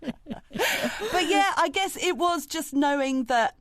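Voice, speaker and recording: A woman's voice: sits high, lively intonation, slow pace, fairly bright tone, dry recording. A woman with a British accent co-hosting a podcast in casual chat, telling stories and laughing often. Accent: British English. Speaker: podcast co-host.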